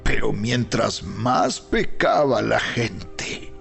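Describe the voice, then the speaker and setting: A man reading dramatized Bible narration in a solemn, deliberate, emphatic way, with weighty pauses and a gravelly, husky voice. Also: on the low side, a bit bright. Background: background music.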